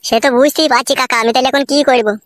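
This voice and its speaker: A woman's voice: high-pitched, steady tone, racing, dry recording, studio quality, lightly acted. Woman voicing a meek accused young man. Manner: meek, pleading.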